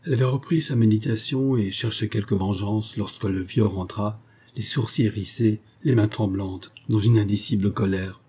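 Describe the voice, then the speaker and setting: A man reading a classic story aloud as audiobook narrator, measured and expressive. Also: lowish voice, husky.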